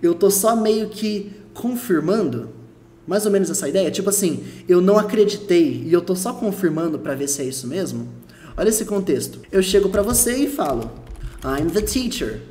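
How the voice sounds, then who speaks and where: A man's voice: sits high, lively intonation, moderate pace, a little mellow. Patient Brazilian male teacher. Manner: patient, repeats points, checks in with "tá bom?". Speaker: English teacher. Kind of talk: explanatory lesson.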